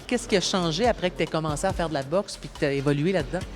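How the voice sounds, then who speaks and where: Lady reporter, deep voice, asks questions easy and clear, faint music behind. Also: fast talker. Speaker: TV reporter and host. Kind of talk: community TV interview.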